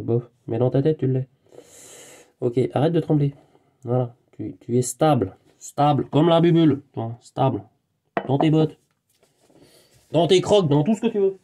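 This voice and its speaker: A man hosting his own channel, rambling in a live monologue to the camera, excitable and digressive, talking to himself and swearing. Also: fairly high pitch. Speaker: channel host.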